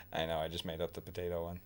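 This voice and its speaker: A man's voice: deep voice, monotone, fast talker, a crowd in the background. A man hosting a game livestream, chatting casually and joking with viewers and friends. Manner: laid-back, joking, chatty. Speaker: streamer.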